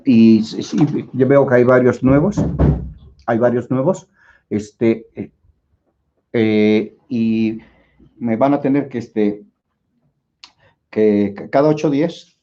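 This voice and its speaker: A man's voice: medium pitch, takes it slowly, pauses often, mellow, lo-fi sound. A man with a Mexican Spanish accent teaching an informal online language class, rambling with many fillers and restarts.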